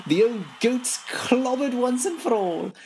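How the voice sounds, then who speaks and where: A woman's voice: fairly high pitch, lively intonation, unhurried, slight background noise, voice pushed up. Woman playing a brash flirtatious grand lady. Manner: loud, shouting.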